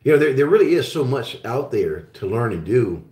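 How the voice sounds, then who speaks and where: A man's voice: mid-range voice, very animated, fairly quick, dark tone. A man from Germany who grew up in Oklahoma, hosting a live call-in show about metals and resource stocks, chatting casually with lots of fillers and restarts. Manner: rambling, with frequent fillers and restarts. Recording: roomy echo.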